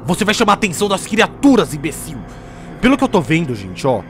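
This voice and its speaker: Guy doing a scared bossy ghost hunter, highish voice, swings up and down a lot, faint music behind. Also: sing-song, fast talker. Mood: wary. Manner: frightened, bossy, insulting. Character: jumpy, rude young male paranormal investigator. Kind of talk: fan machinima voice acting.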